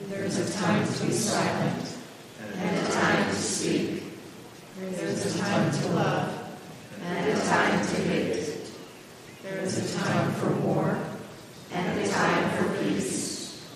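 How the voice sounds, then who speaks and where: A church congregation recites in unison, many voices moving together in a steady, chant-like rhythm. The sound is distant, caught from far off in a large sanctuary. A cathedral echo trails behind every phrase. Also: mid-range voice. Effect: heavy cathedral-like church echo. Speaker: congregation reading aloud together. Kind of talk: responsive reading in unison. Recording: distant crowd in an echoey church hall.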